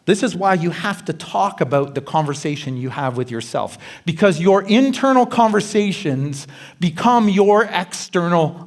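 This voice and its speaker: A middle-aged male pastor from Canada preaching a sermon, animated, acting out worried self-talk and dropping quiet for questions to the listener. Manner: animated, acts out anxious self-talk with rising pitch. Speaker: guest pastor.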